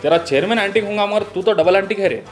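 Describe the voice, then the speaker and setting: A man's voice: sits high, quick pace, faint music behind, close to an everyday voice. A man playing a middle-aged relative with a Hyderabadi accent who scolds a cheeky nephew in a comedy sketch. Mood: scolding. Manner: scolding, exasperated. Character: middle-aged male relative, father of a big brood.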